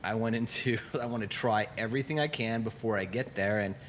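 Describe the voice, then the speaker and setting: A man's voice: lowish voice, a little fast, a little hiss or hum. A man who owns a brewery, telling a long personal story in a casual way and acting out the dialogue. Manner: animated, acts out quoted dialogue. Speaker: brewery owner.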